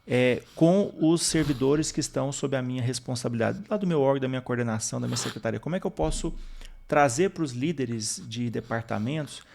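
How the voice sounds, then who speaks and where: Male interviewer from Brazil, gravelly voice, hesitant phrasing. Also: medium pitch, fairly quick, darkish tone. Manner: hesitant, many fillers while framing a long question. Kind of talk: interview question.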